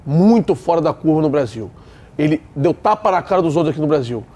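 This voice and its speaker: A man's voice: a little high, animated, fairly quick, mellow. A man with a Rio de Janeiro accent arguing bluntly on a football debate show, stressing and repeating his points. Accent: Brazilian Portuguese, Rio de Janeiro. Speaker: sports debate panelist. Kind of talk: heated studio debate.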